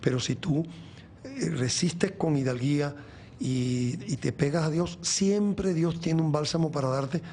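A man's voice: on the high side, measured pace, a little mellow, a little hiss or hum. A Venezuelan man in his sixties, a guest in an interview, talking earnestly about faith, rambling with many restarts. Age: 60s. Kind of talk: reflective faith talk in an interview.

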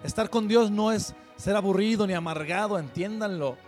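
Fervent man hosting, bright pitch. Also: normal speed, faint music behind. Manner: fervent, preachy, addresses viewers directly. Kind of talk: earnest spoken commentary.

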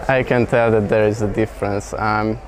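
A young man from Slovakia answering interview questions outdoors, hesitant with many pauses, earnest. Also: fairly low pitch, huge pitch swings, background noise. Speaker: festival pilgrim.

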